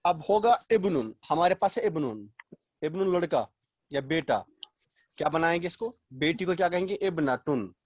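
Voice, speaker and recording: A man's voice: fairly high pitch, expressive. Man teaching on a video call. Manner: explains slowly, repeats words, quizzes students. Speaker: Arabic teacher. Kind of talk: online class lecture.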